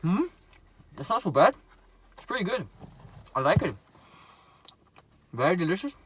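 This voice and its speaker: A man chatting casually to viewers while he eats, pausing and murmuring between remarks. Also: high voice, big pitch swings, breathy edge. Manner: talks while eating, with murmured mms and pauses. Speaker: mukbang vlogger. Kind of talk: casual eating chat to viewers.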